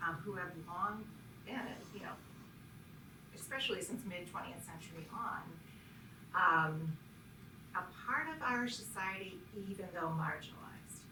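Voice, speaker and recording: A woman speaking thoughtfully on a panel, pausing often with fillers. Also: on the low side, expressive. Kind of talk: panel discussion. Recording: echoey room, far from mic, noise.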